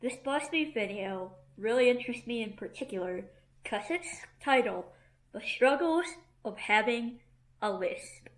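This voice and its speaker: A woman's voice: a little high, a little slow, a bit bright, poor audio. A woman in her twenties with a lisp, chatting casually as she reacts to a video and speaks frankly about it. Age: 20s. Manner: frank, mildly critical, chatty with fillers. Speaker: YouTuber.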